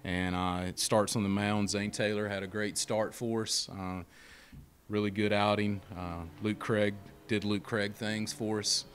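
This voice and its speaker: A middle-aged man speaks into a handheld mic at a postgame press conference. His voice sits low and stays level, with little rise or fall. He talks plainly and steadily with frequent fillers, over a faint room hum. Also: little pitch movement, measured pace. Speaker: head baseball coach. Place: press room before a sponsor backdrop. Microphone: handheld mic held close.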